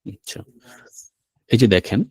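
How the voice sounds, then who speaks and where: A man's voice: measured pace, darkish tone, no room sound. Guy teaching a class, keeps repeating stuff n asking if u got it, dry close sound. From Bangladesh. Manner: patient, repeats words and checks understanding. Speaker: Japanese language teacher. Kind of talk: classroom lesson explaining vocabulary.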